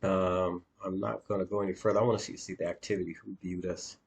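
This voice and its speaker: A man with a very deep, low voice talks viewers through a screen share as a dating coach. His delivery is halting and plain, full of pauses and fillers. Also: little pitch movement, gravelly. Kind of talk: screen-share walkthrough with commentary.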